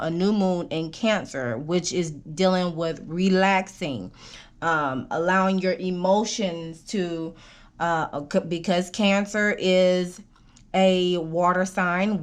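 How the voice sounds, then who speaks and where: A woman's voice: fairly low pitch, smooth. A woman giving a casual spoken tarot reading, meandering with fillers and restarts, often checking in with "okay?", and coughing now and then while she recovers from an illness. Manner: coaching, keeps asking "okay?". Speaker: tarot reader.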